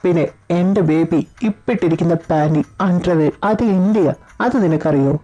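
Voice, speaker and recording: A woman voicing a possessive, teasing young male lover in an audio story drama, speaking low and smug. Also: moderate pace, dark tone, highs cut off, faint music behind, lightly acted. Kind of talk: audio story drama with one reader voicing all roles.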